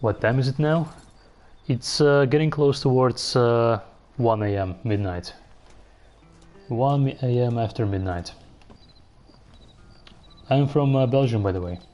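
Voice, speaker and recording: Male streamer, mellow tone, easygoing live gameplay chatter, replies to chat between moves. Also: medium pitch, measured pace, long pauses, faint music behind. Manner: relaxed, musing aloud while playing, answering chat. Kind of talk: casual gameplay commentary.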